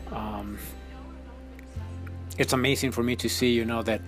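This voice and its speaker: A man with an Ecuadorian Spanish accent talks through his thoughts in a halting, casual way, often pausing on filler sounds. His voice sits a little low. Faint music plays softly behind him. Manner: hesitant, many ums and restarts. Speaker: podcast host. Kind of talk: casual spoken monologue. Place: United States.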